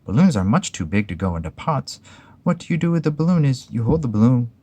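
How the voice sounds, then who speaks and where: A man's voice: medium pitch, lively intonation, fairly quick, warm tone, slightly rough, pitched above the performer's own voice. A man voicing Pooh, a cheerful simple-minded male teddy bear in a storybook reading, with an eager manner.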